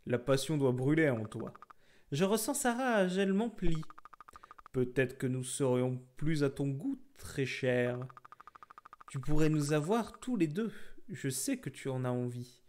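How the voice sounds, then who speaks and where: A man's voice: on the high side, lively intonation, unhurried, a little mellow, a little hiss or hum. A man voicing a pair of seductive scheming demon twins in a video game, speaking in a purring, honeyed tone with mock-sweet menace. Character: seductive twin demons, incubus and succubus.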